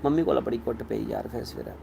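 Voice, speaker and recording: A man's voice: mid-range voice, very fast, gravelly, warm tone, slight background noise. A man with a Dogri accent, a comedian chatting casually with viewers on a live stream, telling stories in a playful way. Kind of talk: casual live chat answering viewer comments.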